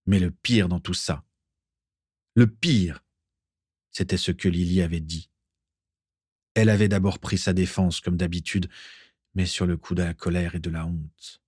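Brief: low male narrator, dry close sound, steady storybook reading. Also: moderate pace, husky, no echo. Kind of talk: audiobook reading of fan fiction.

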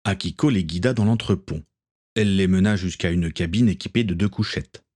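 A man reading a novel aloud as narrator, steady and measured. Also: deep voice. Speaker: audiobook narrator. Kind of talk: storybook narration.

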